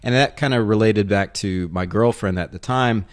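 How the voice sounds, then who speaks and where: Guy with a really low voice rambling through a travel story on a podcast, casual and chatty. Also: moderate pace. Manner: rambling, animated anecdotes with laughs. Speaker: podcast co-host.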